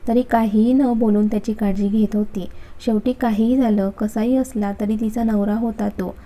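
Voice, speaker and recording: A woman narrating a romantic story in a steady, even reading. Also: medium pitch, normal speed, rough recording.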